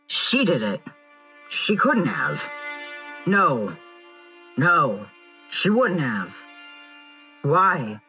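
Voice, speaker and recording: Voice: mid-range voice, pushed and bright, muffled recording, voice pushed up, exaggerated voice. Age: young adult figure. Figure: a narrator putting on a panicked boyish remade man. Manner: broken-up speech.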